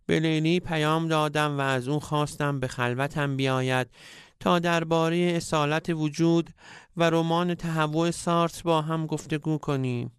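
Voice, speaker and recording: A man's voice: on the high side, steady tone, clear, resonant tone, no room sound, studio quality, pitched above the performer's own voice, natural voice. A man voicing a timid, lovesick young man in a comic story, speaking meekly and pleading. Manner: meek, pleading.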